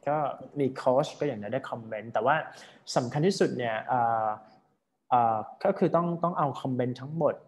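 A man's voice: medium pitch, brisk. A man with a Thai accent coaching a student in a speaking class. He gives friendly feedback with many fillers and polite particles.

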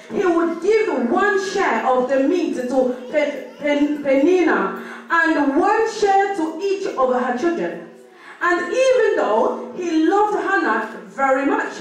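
A woman reading scripture aloud in church, then interpreting a sermon line by line, quick to echo each phrase. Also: extremely high pitch. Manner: quick, echoing each line straight after the preacher. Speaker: Bible reader and interpreter. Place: church hall. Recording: echoey church hall from far off.

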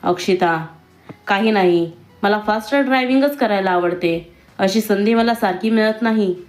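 A woman voicing a brusque, irritable young man in a read-aloud romance story, with sharp, clipped questions. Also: medium pitch, normal speed, lightly acted. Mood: dismissive.

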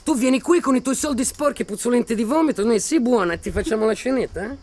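An actor playing a volatile, menacing militiaman who taunts and mocks, then bursts into shouting. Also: very high-pitched, quick pace. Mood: furious. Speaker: soldier threatening a journalist. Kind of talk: film acting.

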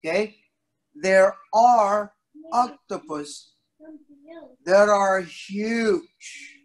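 A middle-aged man teaching young children over video call plays up surprise and drags out his words during playful, interactive storytelling. His voice is high, and the recording is low quality. He speaks from an indoor studio into a device mic a short distance away, with background noise and clicks on the call.

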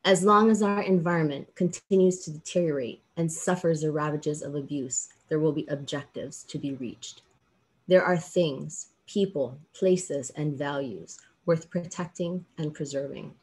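Woman, middle-aged, from Hawaii; law professor giving a measured, emphatic commencement address on a video call; low-ish voice. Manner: earnest, measured, emphatic pauses. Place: indoors, small room with plain backdrop.

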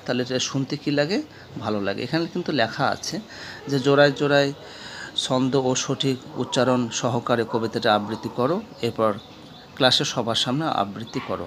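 A male teacher with a Bangladeshi accent explaining a textbook lesson, asking questions and answering them himself, repeating key words slowly. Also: mid-range voice, fairly bright tone, a little hiss or hum. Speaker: English teacher.

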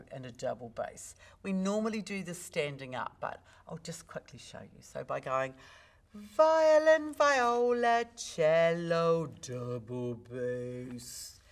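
Expressive low-voiced New woman coach. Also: creaky. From New Zealand. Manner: expressive, demonstrates pitch with big vocal swings. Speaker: speaking coach, guest. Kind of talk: podcast interview.

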